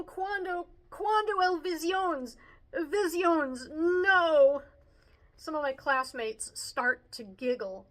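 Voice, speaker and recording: A woman narrating a first-person audiobook in an expressive, youthful storytelling manner. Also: high voice, poor audio.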